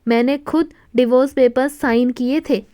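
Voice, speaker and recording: Angry defensive young mom read by a woman, sharp and accusing, dry close sound. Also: high voice, fairly even intonation, moderate pace, dry recording, close to an everyday voice.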